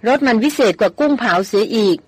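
A woman's voice: a little high, animated, quick pace, a little mellow, breathy edge, no echo. A woman reader voicing a teasing young man who mocks his companion in a jungle camp. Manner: teasing, mocking, laughing.

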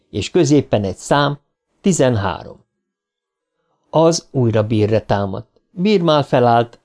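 A man narrating a horror novel as a dramatic audiobook reading. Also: medium pitch. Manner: vivid, rising for shouted lines.

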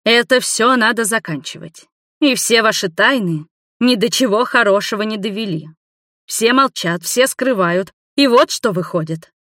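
A woman voicing a loud, domineering grandmother over eighty who scolds her family in a commanding, reproachful way. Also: on the high side, big pitch swings, moderate pace, no echo, studio quality, voice pushed up. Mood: scolding.

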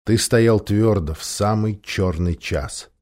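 A man doing a deep, solemn lion. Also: a little mellow. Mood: solemn, tender. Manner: slow, solemn, low. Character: great golden lion, solemn and tender.

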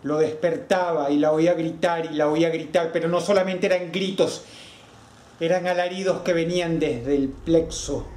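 Man telling a slow, dramatic horror story. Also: on the high side, steady tone, darkish tone. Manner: slow and drawn out, with insistent repetition. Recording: echoey room with background noise.

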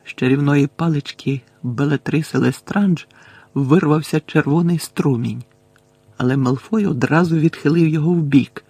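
A male audiobook narrator tells the story in a steady, measured way. His voice is gravelly and somewhat husky, and it sits dry and close to the mic with no room around it. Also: a little high, no room sound.

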